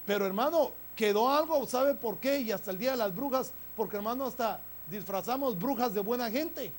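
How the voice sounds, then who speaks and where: A man's voice: very high voice, expressive, a little fast, slight background noise. A man preaching a sermon as pastor, addressing the congregation often as "brother" and building emphasis as he goes. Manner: preaching with frequent "hermano" asides, rising emphasis.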